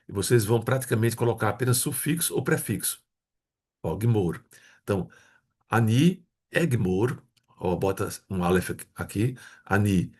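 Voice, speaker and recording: A man's voice: fairly low pitch, breathy edge. A man from Brazil, teaching a grammar lesson, patiently repeating words and checking in with his students. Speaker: Hebrew teacher.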